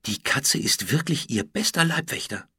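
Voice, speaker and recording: A man's voice: mid-range voice, lively intonation, moderate pace, bright, forceful tone, breathy edge, no echo, clean studio sound, voice pushed up, full character voice. A man reading a storybook voices a young boy speaking in an earnest whisper. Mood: relieved.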